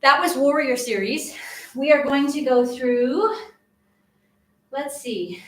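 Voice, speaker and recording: Slightly out of breath, a middle-aged yoga instructor runs a live movement class and coaches each pose in an encouraging, chatty way. Her voice sits high, and she takes things slowly. The distant, off-mic recording has an echoey room sound.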